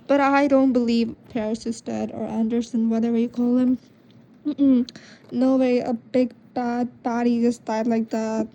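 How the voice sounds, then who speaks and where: Gushing young woman book vlogger, slow-talking. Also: fairly high pitch, lo-fi sound. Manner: gushing, rambling, excitable. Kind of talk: casual reading vlog chat.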